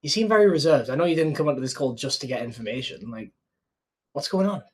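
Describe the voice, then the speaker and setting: Here a UK man with a medium-pitched, slightly rough voice talks animatedly at a quick pace. Looking back at an old call, this sales closer offers casual commentary on his sales technique. He keeps it informal and slangy, tossing in "like" and "mate."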